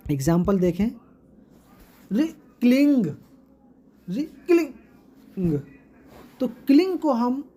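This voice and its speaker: Slow, mellow-voiced Indian woman teacher. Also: on the high side. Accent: Indian English. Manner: slow, repeating each term for students. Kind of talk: exam-prep lesson.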